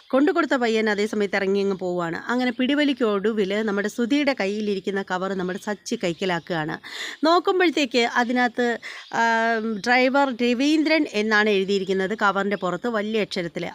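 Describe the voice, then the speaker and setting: A woman hosting a serial review channel, casually retelling the episode and correcting herself as she goes. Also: mid-range voice. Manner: chatty retelling with self-corrections.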